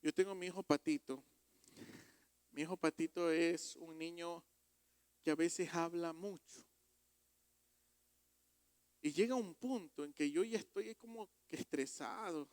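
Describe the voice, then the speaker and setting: A man preaching a sermon as pastor, emphatic and rising to loud exhortations. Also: a little high, measured pace, pauses often, dry recording. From Ecuador.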